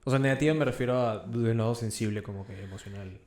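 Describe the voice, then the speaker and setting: A man hosting an interview, relaxed and full of filler phrases. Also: medium pitch, quick pace. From Peru. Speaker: podcast host. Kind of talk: casual interview chat. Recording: roomy echo.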